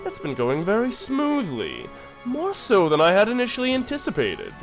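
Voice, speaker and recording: A man voicing a calculating middle-aged imperial chancellor who speaks in a measured, formal way. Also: sits high, huge pitch swings, gravelly, soft background music, heavily acted, low-quality recording. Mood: smooth formal.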